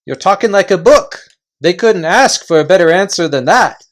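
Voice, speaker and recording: Reader doing eager, high-pitched invisible yes-men. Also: animated, moderate pace, close to an everyday voice. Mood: eager agreement. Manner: parroting, emphatic repetition.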